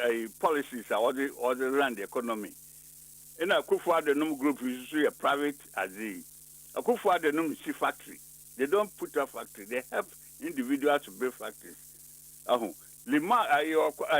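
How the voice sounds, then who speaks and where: A man's voice: on the high side, fairly bright tone, no room sound, low-quality recording. A man with a Ghanaian accent arguing politics in a heated discussion, insistent and repeating himself. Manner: insistent, repeats himself, switches between Twi and English.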